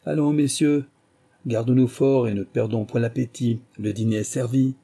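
A man's voice: mid-range voice, fairly even intonation, moderate pace, mellow, close to an everyday voice. A man voicing a commanding, pompous plantation manager, as in an audiobook.

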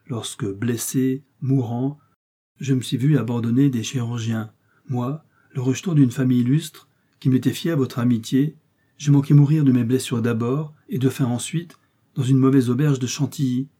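A man's voice: mid-range voice, steady tone, normal speed, warm tone, breathy edge, lightly acted. A man voicing a vain, boastful musketeer who speaks in a pompous, self-important manner, in a storybook reading. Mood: aggrieved.

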